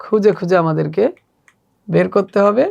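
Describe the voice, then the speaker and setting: A woman's voice: mid-range voice, gravelly, a little mellow, highs cut off. A woman with a Bangladeshi accent teaching children Arabic letters step by step, stretching and repeating each sound. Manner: slow, drawn-out pronunciation drills, repeating letters. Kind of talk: step-by-step lesson.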